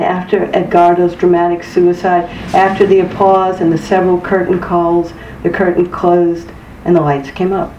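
Mellow audiobook narrator in a roomy space. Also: medium pitch, a little hiss or hum. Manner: measured, even storytelling. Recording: distant, roomy, dull-sounding recording.

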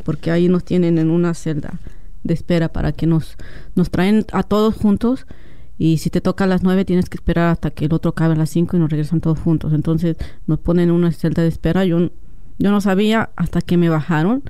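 A woman's voice: fairly low pitch, a little fast, clean tone, no room sound. A woman who is a radio guest, telling a personal story and acting out the dialogue. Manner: animated storyteller, acts out dialogue.

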